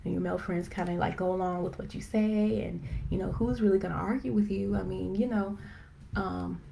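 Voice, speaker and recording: A woman hosting a live stream, chatting casually and excitedly with lots of fillers, rambling as she goes. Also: medium pitch, gravelly, a little hiss or hum. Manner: excited, self-described as talking fast. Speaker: host of a live video chat. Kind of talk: casual faith-based chat. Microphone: phone or computer for a live stream.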